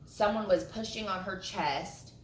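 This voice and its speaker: A woman telling a spooky story in casual chat with friends, animated, swearing freely and acting out what people said. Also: mid-range voice, unhurried. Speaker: friend at a hot sauce tasting. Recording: roomy sound from a distant mic with faint noise.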